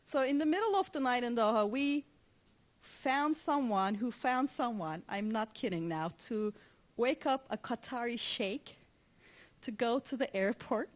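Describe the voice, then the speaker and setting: A woman from Turkey giving a conference talk, telling stories in an animated way with frequent laughs and restarts. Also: fairly high pitch, a little slow. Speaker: conference speaker.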